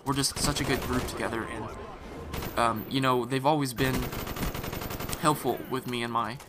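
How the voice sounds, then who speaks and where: Over loud bursts of game gunfire and explosions, this man talks at a measured pace in a steady, medium-pitched voice. His throat sounds scratchy and irritated as he gives loose, rambling commentary, often restarting and padding with fillers.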